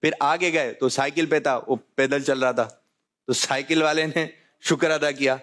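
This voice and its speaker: A man's voice: on the high side, steady tone, a bit bright. A man hosting a religious talk show, jovial, often repeating his key phrases. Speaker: host.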